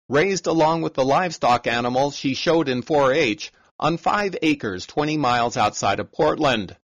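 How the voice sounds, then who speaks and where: A man hosting an agricultural podcast, reading a scripted narration in a measured, informative way. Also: mid-range voice, a bit bright, no room sound, dull audio. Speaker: podcast host and farm reporter.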